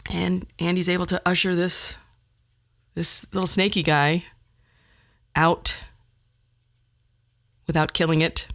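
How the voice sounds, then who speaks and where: A podcast host tells funny personal stories in a playful, chatty manner, her voice fairly low in pitch with a slightly bright quality.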